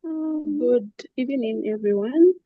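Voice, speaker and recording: A woman from Zambia, a patient, shares her own experience softly on a video call, with frequent fillers. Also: sits high, measured pace, dry recording, narrow, tinny audio. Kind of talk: personal account on a webinar.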